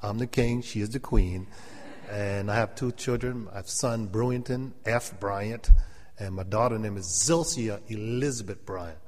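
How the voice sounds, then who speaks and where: A preacher and church elder from South Carolina, middle-aged and speaking with a Gullah Geechee accent, addresses his congregation in a lowish voice at a measured pace. The sermon is full of humor and anecdotes, with repeated lines and calls for amens. It takes place in a large indoor hall whose long reverb makes everything echo.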